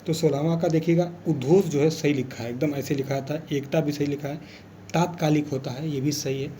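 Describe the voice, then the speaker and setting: A man's voice: fairly high pitch, fairly even intonation, fairly quick, mellow, slight background noise. A man teaching an exam revision lesson, explaining patiently and repeating key words as he goes.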